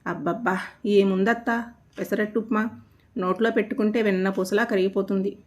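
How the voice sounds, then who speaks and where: A woman's voice: mid-range voice, steady tone, fairly quick, darkish tone, natural voice. A woman doing a sweet cheeky young girl. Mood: admiring.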